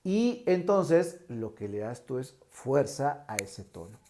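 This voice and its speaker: A Mexican man with a tenor voice teaching an online lesson, acting out pitch examples as he goes. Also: big pitch swings, slow, warm tone, a little hiss or hum. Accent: Mexican Spanish. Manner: demonstrative, shifts pitch to show examples. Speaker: teacher trainer.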